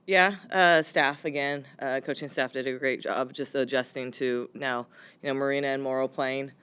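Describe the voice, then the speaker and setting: A woman head coach answering post-game press questions, her voice hoarse from yelling, speaking candidly with lots of fillers. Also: rumbling low, fairly even intonation, normal speed. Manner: candid, rambling with frequent fillers.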